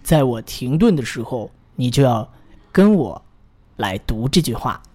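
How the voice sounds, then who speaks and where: A man's voice: medium pitch, big pitch swings, dark tone. Encouraging male English teacher. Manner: models phrases slowly, then pauses for the listener to repeat; encouraging, praises the learner often. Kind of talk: English pronunciation drill lesson.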